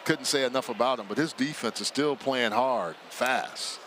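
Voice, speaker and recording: A man's voice: mid-range voice, normal speed, fairly bright tone, slight background noise. A man working as a football color commentator, chatty and laughing easily as he breaks down plays. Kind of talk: live sports analysis.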